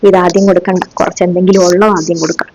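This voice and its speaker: In this comic sketch, the woman's voice runs low and level and very fast, close to everyday speech, as she plays a stern, sarcastic middle-aged teacher scolding her pupils. She mocks them with rhetorical questions, and the dull, dry lo-fi recording carries background noise.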